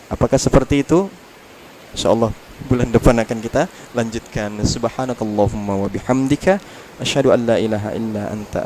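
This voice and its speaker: A man's voice: lowish voice, a little mellow, slight background noise. A male Islamic preacher giving a study lecture, chatty and joking with the congregation, reciting Arabic passages between his explanations.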